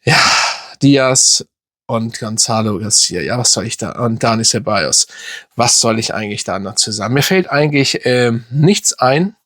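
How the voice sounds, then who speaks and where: A man's voice: mid-range voice, animated, normal speed, a bit bright, no room sound, studio quality. A young man who hosts a football fan channel, giving a frustrated, rambling match reaction full of fillers and restarts.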